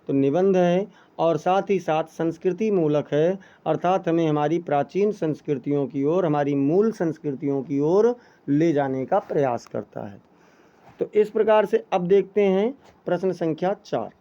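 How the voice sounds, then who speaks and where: A man with a high, mellow voice teaches an exam-prep lesson, posing questions to the class and answering them himself. He speaks to his students as children. The recording sounds dull and lo-fi. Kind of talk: exam-prep lesson explaining Hindi texts.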